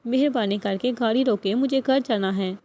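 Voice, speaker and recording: A woman's voice: on the high side, dark tone, close to an everyday voice. A woman reading the lines of a young wife and university student in an audiobook novel, pleading and protesting tearfully.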